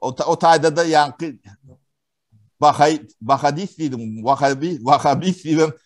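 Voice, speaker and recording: A man from Turkmenistan giving testimony in an interview, talking haltingly with many pauses and fillers. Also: on the high side. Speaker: witness interviewee.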